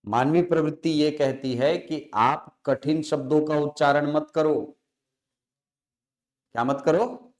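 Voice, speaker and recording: A man teaching a classroom lecture. He asks questions, answers them himself, and repeats key words slowly to stress them. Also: a little high, darkish tone.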